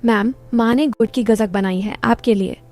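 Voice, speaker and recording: A woman's voice: fairly high pitch, moderate pace, darkish tone, lightly acted. A woman voicing a shy, lovestruck young man who visits a doctor, speaking in a hesitant, bashful way.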